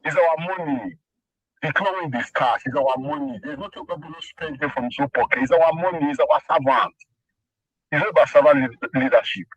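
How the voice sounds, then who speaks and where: A man's voice: a little high, brisk. A Nigerian man calling in over a phone put on speaker, making emphatic points, repeating himself and restarting sentences. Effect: heard over a phone on speaker. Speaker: caller. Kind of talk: heated call-in commentary. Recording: muffled phone speaker audio.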